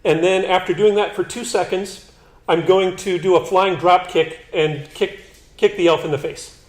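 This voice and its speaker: A man's voice: high-pitched, steady tone, moderate pace. A man playing a tabletop game, talking casually and thinking his moves through aloud. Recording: echoey room.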